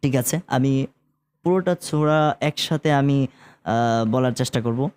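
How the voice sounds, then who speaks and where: A man with a Bangladeshi Bengali accent teaching Quran recitation, explaining sounds in relaxed talk and chanting verses slowly and drawn out. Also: mid-range voice, smooth. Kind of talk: relaxed spoken lesson with slow chanted recitation.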